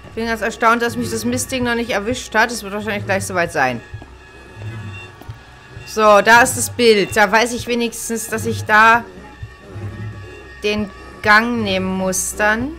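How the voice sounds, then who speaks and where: A woman's voice: a little high, steady tone, moderate pace, bright, forceful tone, soft background music. A middle-aged woman playing a horror game, thinking aloud in casual commentary on a headset mic. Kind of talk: casual let's play commentary.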